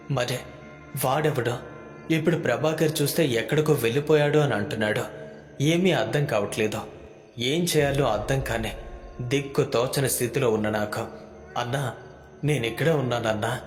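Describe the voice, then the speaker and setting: A man narrating a scripted horror story in the first person, with a tense, suspenseful delivery. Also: medium pitch. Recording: echoey hall with background music.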